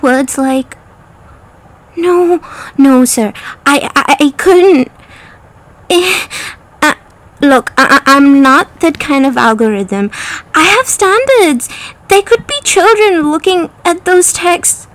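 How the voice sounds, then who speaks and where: Woman doing a high-voiced, slow-talking, fussy autocorrect program, all coy and melodramatic. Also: a bit bright. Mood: flustered. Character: prim, flustered female autocorrect program. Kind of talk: comedic parody monologue.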